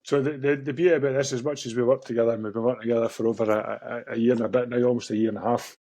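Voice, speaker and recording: A man's voice: medium pitch, steady tone, racing, dark tone, dry recording. A man with a Scottish accent hosting a podcast in an informal, matey, chatty way. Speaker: podcast host. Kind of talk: casual chat, interviewing.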